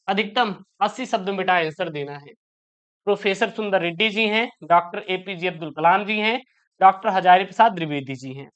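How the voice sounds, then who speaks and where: A woman's voice: mid-range voice, fairly bright tone. A woman teacher going through an exam paper, calling her students "beta" and asking questions that she answers herself. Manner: calls listeners "beta", asks and answers own questions. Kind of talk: exam-prep lesson explaining poetry.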